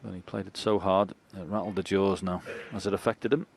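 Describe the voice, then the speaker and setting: A man's voice: low voice, flat delivery, fairly quick, creaky. A man giving casual, conversational snooker commentary, reacting to the shots. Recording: loud crowd noise in arena.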